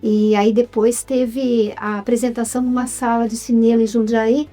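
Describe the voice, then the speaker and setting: Soft music plays behind a Brazilian-accented writer and film producer as she shares her story upbeatly in a casual interview. Her voice is on the high side and mellow, with a flat delivery at a normal speed.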